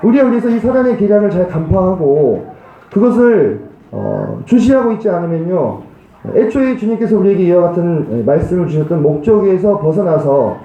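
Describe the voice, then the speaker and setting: A man preaches a sermon in a church, his high voice rising and falling in wide swings. He keeps putting rhetorical questions to the congregation. The recording is roomy and slightly dull. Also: sing-song, moderate pace. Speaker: pastor.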